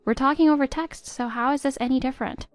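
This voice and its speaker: A woman voicing a patient, hurt middle-aged stepmother who pleads gently with her stepdaughter. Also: sits high, fast talker, soft background music. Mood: pleading. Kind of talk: text-story voice acting.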